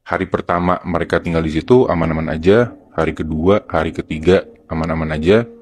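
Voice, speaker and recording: Male podcast storyteller, Jakarta accent, deep voice, relaying horror tales casually and step by step. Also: fairly even intonation, a little fast, darkish tone. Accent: Jakarta Indonesian. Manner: colloquial, step-by-step narration.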